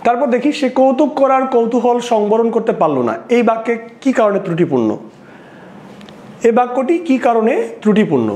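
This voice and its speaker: A high-pitched man with a Bangladeshi Bengali accent teaches an exam-prep lesson, explaining step by step. He keeps asking his students a question and then answering it himself. His voice rings in an echoey room. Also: animated, fairly quick, a little mellow, slight background noise.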